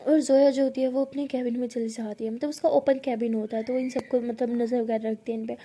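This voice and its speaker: A woman's voice: fairly high pitch, fairly even intonation, a little fast, mellow. Chatty woman narrating a story. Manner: chatty, addresses viewers directly.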